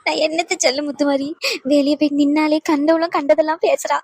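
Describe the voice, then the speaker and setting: A woman's voice: high-pitched, level tone, brisk, a little mellow, dry recording, studio quality, natural voice. A woman voicing a worried, tearful mother in a cartoon, speaking in a sorrowful, plaintive way.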